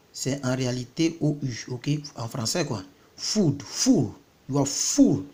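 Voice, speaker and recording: A man's voice: mid-range voice, darkish tone. A man from Côte d'Ivoire, giving a casual vocabulary lesson and repeating each word several times before explaining it. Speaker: self-taught English vocabulary tutor.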